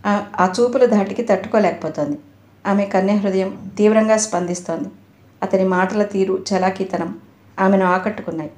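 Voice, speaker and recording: A woman's voice: mid-range voice, normal speed. Woman narrating a novel in an echoey room. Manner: steady, expressive reading. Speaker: audiobook narrator. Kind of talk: storybook narration.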